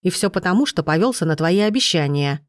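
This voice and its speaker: A woman's voice: lowish voice, expressive, brisk, no room sound, studio quality, close to an everyday voice. A woman doing a menacing, greedy brother. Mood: threatening. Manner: threatening, harsh.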